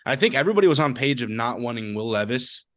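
A man's voice: mid-range voice, expressive, quick pace, a bit bright. Man co-hosting a casual sports podcast. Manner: jokey, talks over his co-host. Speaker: podcast co-host.

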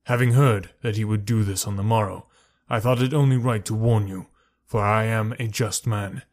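A man reading the part of a stern, towering male alien warrior chieftain who speaks with cold, measured menace. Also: on the low side, fairly even intonation, lightly acted. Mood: coldly menacing.

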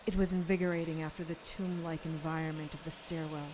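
An actress playing a first-person thriller narrator, giving scripted dramatic narration. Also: female voice, low voice, little pitch movement, fast, noisy background, natural voice. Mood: reflective, tense.

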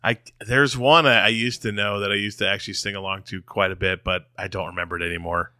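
A male podcast co-host with a lowish, bright, forward voice. He chats easily, laughs often and gets heated when telling a story. The recording is dry and close. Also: fairly even intonation, quick pace, no echo. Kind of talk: casual chat.

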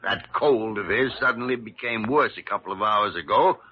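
An actor playing a crusty, blunt older male doctor in classic radio drama, gruff, sardonic and impatient. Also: lowish voice, normal speed, slight background noise, close to an everyday voice. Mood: brusque, urgent. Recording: dull vintage radio recording.

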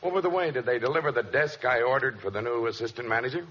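A man playing a brisk, impatient company boss in a 1940s radio sitcom, businesslike and commanding. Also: mid-range voice, breathy edge, natural voice. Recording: dull, hissy 1940s radio recording.

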